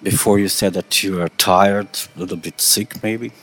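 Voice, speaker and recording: After opening in his native Slovenian, a radio interviewer switches to English, his second language, and asks his guest questions haltingly. His voice is deep and fairly bright, with a steady tone.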